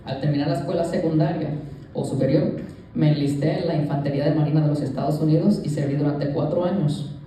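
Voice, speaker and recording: Young man, church testimony, dark and mellow tone, somewhat high pitch, echoey hall heard from afar. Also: steady tone, fast, recorded from a distance. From Puerto Rico. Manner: earnest, conversational, addressing listeners directly. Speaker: youth leader giving a church testimony. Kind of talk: personal testimony to a congregation. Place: church sanctuary.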